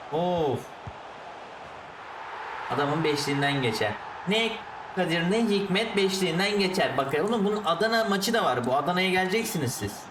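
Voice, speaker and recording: A man commentating his own football video game match, ranting at the referee and the players, then calmly explaining his tactics. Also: a little high, echoey room, far from the mic, noisy background. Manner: switches to calm explaining of tactics. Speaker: gaming YouTuber.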